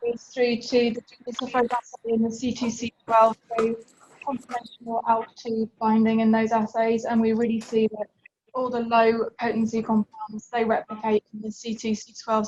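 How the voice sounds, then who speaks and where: A woman talks through lab results in an online meeting, her voice breaking up and stuttering over a poor connection. She sits a little high in pitch and keeps a flat, measured delivery with plenty of ums. The call audio is muffled and dull, with a faint hiss underneath. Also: slightly rough. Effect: choppy, breaking-up call audio. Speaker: lab scientist presenting assay results.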